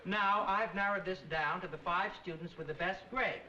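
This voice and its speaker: A man's voice: high-pitched, normal speed, bright, forceful tone, highs cut off. An actor playing a patient teacher who corrects his students' pronunciation. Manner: patient, precise about pronunciation. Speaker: teacher of an adult night class. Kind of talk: 1960s sitcom acting. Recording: hissy, roomy old TV soundtrack.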